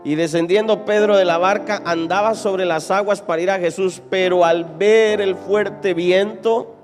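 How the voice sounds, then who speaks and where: Keyboard music plays in the echoing church hall as this high-pitched pastor delivers his sermon at a measured pace. His preaching is lively and theatrical: he puts questions straight to the congregation and performs scenes and quotes from the Bible.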